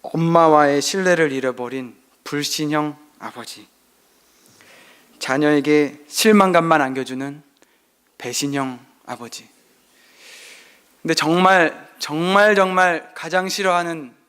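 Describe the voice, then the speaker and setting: A man's voice: fairly high pitch, unhurried, pauses often, clear, resonant tone. A middle-aged male pastor giving a sermon, telling stories about his son and acting out their exchanges. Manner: acts out dialogue with his son, shifting loudness. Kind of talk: sermon with personal anecdotes.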